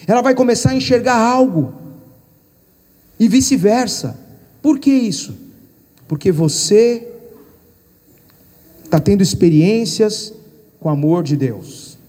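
A middle-aged man with a Brazilian Portuguese accent preaches a sermon, weaving in stories from his own life. His voice sits high for a man and carries a long echo through the church hall. He speaks straight to the congregation as he goes. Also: lively intonation, slow pace, pauses often, dark tone. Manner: storytelling preacher, addresses the congregation directly. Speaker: pastor.

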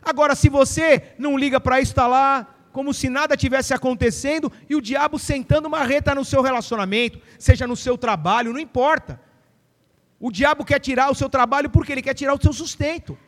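A man's voice: very high-pitched, a little fast, a bit bright, big-room sound. A middle-aged man preaching a fiery sermon as pastor, with emphatic declarations and acted-out quotes.

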